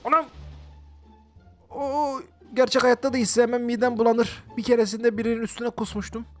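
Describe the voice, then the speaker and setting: A man excitedly commenting on his own gameplay, exclaiming often and chatting to his viewers as he plays. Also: extremely high pitch, fast talker, faint music behind. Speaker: gaming video host. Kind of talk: let's-play game commentary.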